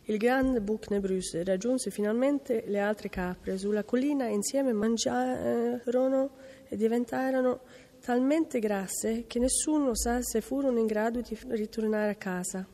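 A woman reading a children's fairy tale aloud in a lively, expressive storyteller manner. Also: on the high side, measured pace. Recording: long hall reverb.

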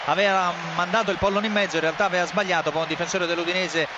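A man giving excited, breathless and urgent football goal commentary. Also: sits high, racing, muffled recording. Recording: clear stadium crowd noise.

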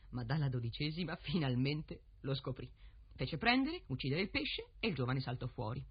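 A storyteller reading a fairy tale aloud with lively, expressive delivery. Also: mid-range voice, breathy edge, dull audio.

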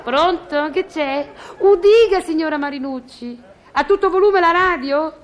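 An actress in a radio comedy playing a chatty, sarcastic middle-aged Roman doorkeeper with a Roman accent. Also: female voice, very high voice, unhurried, highs cut off. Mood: gossipy. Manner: chatty, sarcastic, mock-polite on the phone. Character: gossipy sharp-tongued Roman woman doorkeeper.

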